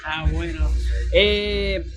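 High-voiced hesitant male interviewer. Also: steady tone, very slow. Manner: hesitant questions, frequent short acknowledgments. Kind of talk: casual interview. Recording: music underneath.

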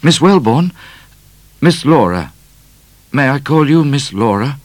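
A bashful, simple young suitor, as a man reading aloud puts him on, blurting his words loudly in a raised voice. The sound is close and dry. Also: mid-range voice, lively intonation, takes it slowly, dry recording, pitched above the performer's own voice. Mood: blurting shy. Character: shy, simple, good-natured young man.

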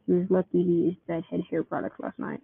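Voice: mid-range voice, level tone, quick pace, vocal fry, breathy edge. A person reading a homemade comic story aloud, keeping the characters' voices close to their own. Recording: tinny phone-like dry recording.

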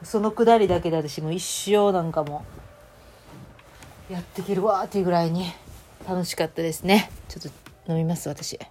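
A chatty woman with a Kansai accent, talking casually to her listeners as a host. Her voice sits a little low for a woman. She tells stories freely and slips into other people's voices when she quotes them. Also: brisk, long pauses, warm tone, a little hiss or hum. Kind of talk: casual chat.

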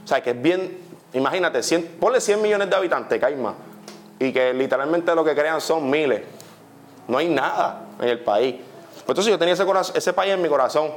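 A young man with a Puerto Rican accent preaching a testimony sermon, animated, often saying "literally" and putting questions to his listeners. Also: fairly high pitch, moderate pace. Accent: Puerto Rican Spanish.

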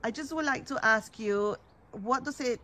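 A woman's voice: fairly high pitch, a little slow, bright, forceful tone, a little hiss or hum. Female interview host, conversational and familiar with her audience. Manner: chatty, addresses listeners familiarly. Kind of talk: conversational live interview in Spanish and English.

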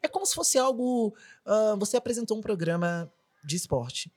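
A woman's voice: medium pitch, lively intonation, moderate pace, a little mellow. A woman singer with a Brazilian accent, chatting earnestly. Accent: Brazilian Portuguese. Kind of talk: casual chat.

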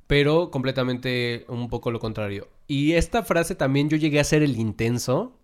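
A man's voice: medium pitch, normal speed, clear, resonant tone. A man with a Mexican accent, co-hosting a podcast, who rambles, jokes and cuts in with his own thoughts. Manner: rambling, joking, interrupts. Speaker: podcast co-host. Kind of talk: casual chat.

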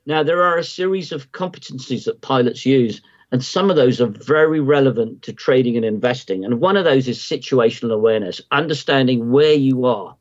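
Speaking a little fast in a mid-range voice, a man who works as a market timing analyst explains his ideas on a podcast. He rambles conversationally, circling back with lots of ums and restarts, and the slightly dull, lo-fi audio suggests a remote call.

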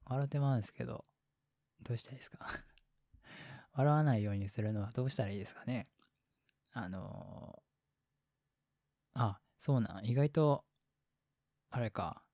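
A man's voice: mid-range voice, normal speed, long pauses, mellow, dry recording. A man speaking with a Kansai accent as a boyfriend in whispered role-play chat, rambling, laughing often and dropping into half-whispered asides, close to the mic. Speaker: boyfriend in a situation voice.

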